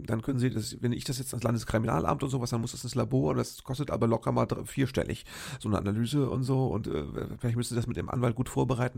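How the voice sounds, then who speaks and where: A man's voice: medium pitch, gravelly, a little mellow, slightly rough. An older man hosting a podcast, telling a long story in a rambling, chatty way and often turning to his listeners with a questioning "ne?". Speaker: podcast host. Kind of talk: casual storytelling monologue.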